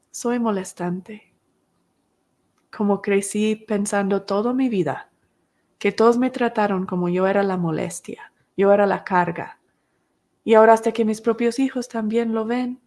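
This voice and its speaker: A woman's voice: medium pitch, normal speed, darkish tone. A woman, teaching a recovery class podcast and explaining each step with rhetorical questions.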